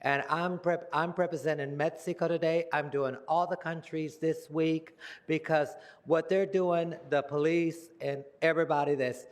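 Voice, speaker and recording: An older man in his seventies speaks at a city council podium, rambling, circling back and repeating himself as he goes. His voice sits somewhat high for a man. The chamber lends it a long, lingering reverb. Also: steady tone, normal speed. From United States. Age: 70s. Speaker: public commenter. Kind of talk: rambling public comment.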